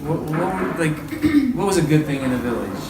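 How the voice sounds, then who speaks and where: A man with a fairly high voice whose pitch swoops wildly talks fairly quickly as he leads an interactive read-aloud lesson. He is encouraging and conversational, repeating what his listeners say. The indoor group training session is recorded from a distance in a roomy space full of clear noise.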